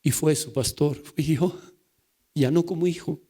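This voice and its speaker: A middle-aged man preaching a sermon as a pastor, telling stories dramatically, dropping to a whisper and then rising to a shout. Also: a little high, unhurried, slightly rough.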